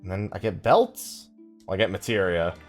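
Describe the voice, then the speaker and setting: Deep-voiced and animated, a male streamer speaks at a moderate pace during a casual let's play, largely talking to himself as he plays. Game music runs underneath.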